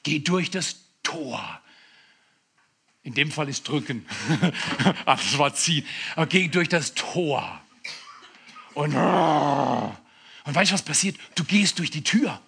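A male pastor preaching a sermon, telling stories with animated emphasis and asides. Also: a little high, slow, creaky, breathy edge.

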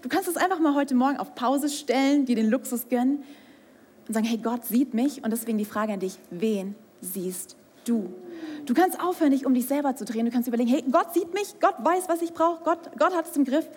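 A young woman preaching a sermon in speech, her voice pitched high. She presses her points with rhetorical questions and now and then drops to a hushed near-whisper. Long reverb hangs after her words, as in a large hall. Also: quick pace.

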